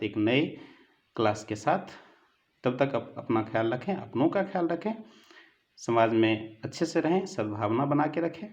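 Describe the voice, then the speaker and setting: A man's voice: medium pitch, a little mellow, muffled recording. A man teaching an online lesson, earnest and fatherly, who keeps calling his students children and mixes English words into Hindi. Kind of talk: online lecture with a moral talk.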